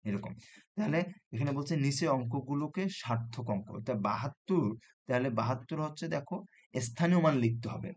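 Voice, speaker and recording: A man teaches a math lesson to school students. He walks through place values step by step, reading each digit aloud at an unhurried pace. He checks in with his listeners again and again. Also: mid-range voice, darkish tone. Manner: patient, repeats "হ্যাঁ?" to check students follow.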